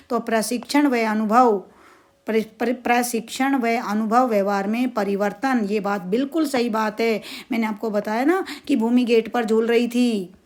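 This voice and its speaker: A woman's voice: a little high, a little mellow. A woman teacher with a north Indian accent giving an exam-prep lecture, asking questions and answering them herself, repeating key terms and using everyday stories. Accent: Hindi, north Indian. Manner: uses everyday stories and dramatic asides.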